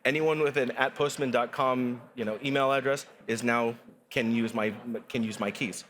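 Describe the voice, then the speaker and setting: A man guest explaining a software product in an upbeat, explanatory way, with some restarts. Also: mid-range voice, fairly even intonation, moderate pace, a little hiss or hum. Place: conference studio set.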